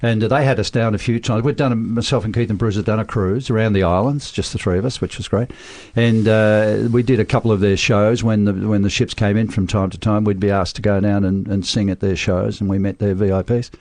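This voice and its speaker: A man's voice: on the low side, brisk, few pauses. Jokey Australian man in his seventies. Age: 70s. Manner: lively storyteller, jokey asides. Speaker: band member, guest. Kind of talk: radio interview, reminiscing. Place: radio studio.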